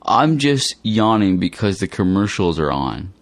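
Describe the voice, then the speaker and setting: Man, low voice, slow and careful, plain delivery, dry close mic; reads learner dialogues. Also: very animated, no echo. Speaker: dialogue reader for English learners. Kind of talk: slow scripted dialogue reading.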